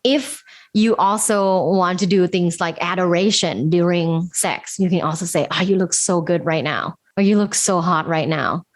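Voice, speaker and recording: A woman from Thailand speaks at a normal pace in a lowish voice. She's a guest sex educator in a casual interview, talking candidly and chattily, laughing often and using lots of fillers.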